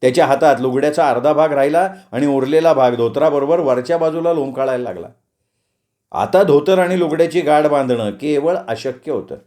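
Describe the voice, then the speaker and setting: A man narrating a story in an expressive, dramatic storytelling manner. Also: on the high side, fairly quick.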